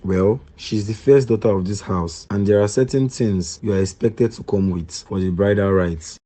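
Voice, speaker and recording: A man's voice: on the low side, normal speed, mellow, lightly acted. A man with a Nigerian accent voicing a demanding middle-aged father who firmly lays down bride-price terms. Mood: stern. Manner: firm, commanding, lists demands.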